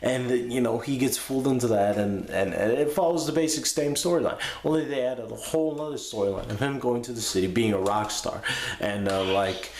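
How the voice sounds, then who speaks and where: The host of a movie review show gives a casual, unscripted review, sounding drunk, crude and profane as he rambles and loses his thread. His medium-pitched voice is fairly quick with a darkish tone, recorded in an echoey room with background noise.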